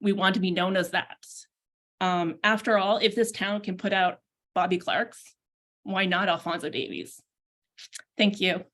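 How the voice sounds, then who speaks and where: A woman, a youth soccer club's technical director, reading prepared remarks in a steady, earnest way over a video call. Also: medium pitch, a little slow, long pauses.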